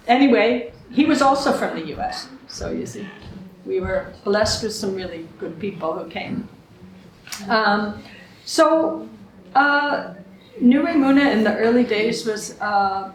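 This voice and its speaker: A woman's voice: a little high, a little hiss or hum. Older woman telling stories. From Canada. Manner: chatty, laughing often, acts out quotes. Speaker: guest speaker. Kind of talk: anecdotal storytelling to a small group. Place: room with a small live audience. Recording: echoey room.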